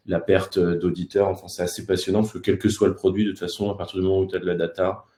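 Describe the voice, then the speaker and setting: Speaking fast in a low, warm, flat voice, this thirtysomething Frenchman talks casually and with frequent hesitations as a guest on an online talk show. The audio comes through a video call from a room with echo.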